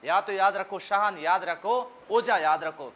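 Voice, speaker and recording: A man's voice: high voice, unhurried, fairly bright tone. A man with a Rajasthani accent teaching an exam-prep lesson with memory tricks, jokey, asking the class questions and answering them himself. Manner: mimics regional speech for laughs.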